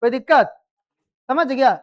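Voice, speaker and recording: Over a muffled recording, a high-voiced woman leads a grammar lesson in a classroom, speaking at a measured pace. She quizzes the students, says their answers again and makes sure they are keeping up.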